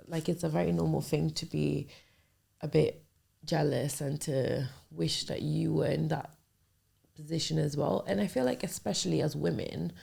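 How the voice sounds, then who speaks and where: A woman in her twenties from a Nigerian family hosts a podcast, her voice low, gravelly and warm with a breathy edge. In a casual confessional style she tells a personal story candidly and hesitantly, often trailing off and starting again.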